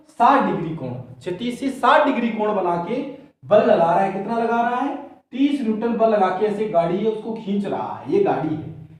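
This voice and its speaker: High-voiced male teacher in echoey room. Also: a little mellow. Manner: asks questions and answers them himself; playful, counts zeros as sweets. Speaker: physics teacher. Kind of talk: board lesson for school exams. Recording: very echoey room, distant mic.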